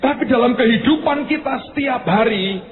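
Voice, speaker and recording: A male pastor preaching with a Javanese-inflected Indonesian accent, telling stories in an animated way that swings between high exclaiming and low murmured asides. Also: moderate pace. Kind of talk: sermon. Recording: tinny phone-like sound with faint noise.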